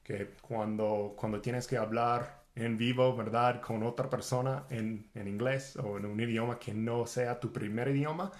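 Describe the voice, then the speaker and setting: A man's voice: mid-range voice, a little slow, hardly any pauses. A native English-speaking man teaching English, answering viewer questions in a casual, easygoing Q&A and switching between English and Spanish. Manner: relaxed, easygoing, talks to viewers directly.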